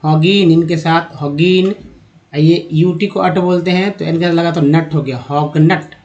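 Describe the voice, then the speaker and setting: Man from India, raised-pitch teaching voice, patient step-by-step explainer for an online phonics class. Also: fairly even intonation, measured pace, a little mellow, muffled recording. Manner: explaining step by step, asking the viewer questions. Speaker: English teacher. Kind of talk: spoken phonics lesson.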